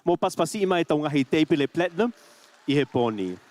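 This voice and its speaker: A man's voice: on the high side, big pitch swings, fast talker, a little mellow. A man with a Tongan accent speaks as master of ceremonies at a dinner, making formal, ceremonious announcements that are partly read out.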